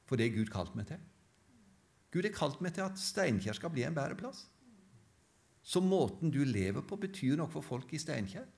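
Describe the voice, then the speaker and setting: Male preacher, high-pitched voice, sermon in church, emphatic, repeats phrases in rhetorical runs. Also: big pitch swings, gravelly, pauses often, a little mellow.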